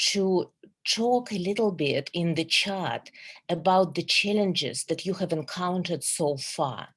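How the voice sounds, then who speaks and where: With a fairly low pitch and a Russian accent, a middle-aged Russian psychologist gives an earnest webinar talk on a video call. Her pace is measured, and she leans on lots of fillers and restarts.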